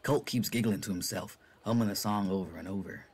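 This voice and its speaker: A man narrating a first-person story in a relaxed, casual way. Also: on the low side, brisk, slightly rough. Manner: relaxed, casual, breaks off to laugh at his own slips.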